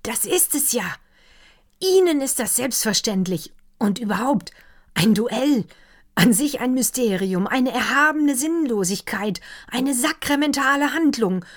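A woman doing a gushing, excitable male doctor. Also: high voice, a little slow, voice pushed up, full character voice. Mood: rapturous. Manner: effusive, exclamatory. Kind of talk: audiobook reading.

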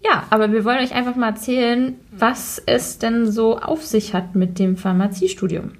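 A woman's voice: fairly high pitch, fairly even intonation, normal speed. A woman in her twenties co-hosting a casual podcast chat, talking freely with frequent fillers and laughs. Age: 20s. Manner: chatty, laughs often, many fillers. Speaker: podcast co-host.

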